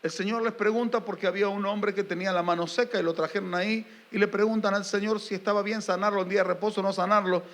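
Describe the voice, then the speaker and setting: A pastor preaching a sermon to his congregation, animated and emphatic, asking rising questions and mixing in jokes. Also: high-pitched, fast, hardly any pauses. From Argentina.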